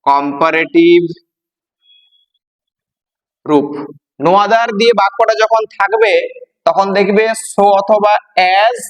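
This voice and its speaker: Male teacher, high voice, echoey reverb, slow emphatic letter-by-letter spelling. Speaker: English grammar teacher. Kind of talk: classroom-style grammar lesson.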